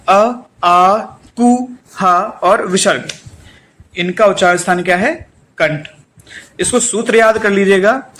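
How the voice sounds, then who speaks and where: A male teacher giving an exam-prep lesson, chanting memory formulas slowly and repeating each line while telling students what to do. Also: high-pitched, a bit bright. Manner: addresses students directly with instructions.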